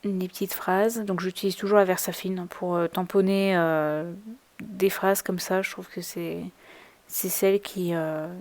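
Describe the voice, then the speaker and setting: A woman casually explaining her crafting as she works, with many pauses, fillers and restarts. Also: lowish voice, level tone, darkish tone, no echo. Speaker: crafting vlogger. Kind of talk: casual tutorial narration while crafting. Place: at a craft table indoors.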